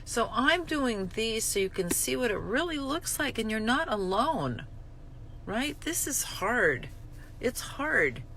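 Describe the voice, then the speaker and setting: A middle-aged woman vlogging about recovery in a bright, lively voice that rises and falls a lot. She is blunt and self-mocking and swears freely. A faint hiss of noise sits behind her. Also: on the high side, slow pace. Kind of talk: candid spoken reflection on a daily reading.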